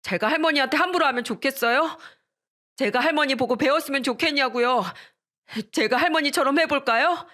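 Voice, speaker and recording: Brave little boy, played by a woman narrator, high and insistent. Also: brisk, pushed and bright. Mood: earnest. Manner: pleading, talking back. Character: young boy, bold and earnest. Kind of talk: storybook reading.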